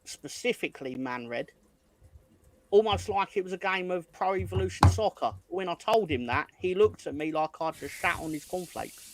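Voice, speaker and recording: A man's voice: high-pitched, expressive, normal speed, background noise. Wry man chatting football. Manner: wry, joking asides. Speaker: podcast co-host. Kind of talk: casual football chat.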